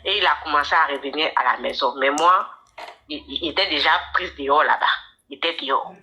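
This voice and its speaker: Low, bright-toned woman telling her story. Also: slight background noise. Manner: halting, repeats words. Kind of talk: personal story on a call.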